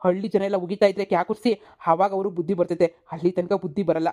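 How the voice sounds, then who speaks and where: Woman voicing a brisk young village son. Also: on the low side, fairly even intonation, mellow, natural voice. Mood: persuasive. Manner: brisk, persuasive, lecturing. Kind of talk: cartoon comedy dub.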